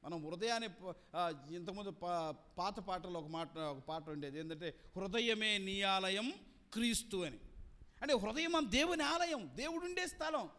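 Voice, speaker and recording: Man, pastor, sermon, very high voice, animated pitch, repetitive emphatic lists. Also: normal speed. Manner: asks the congregation to repeat words. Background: congregation present.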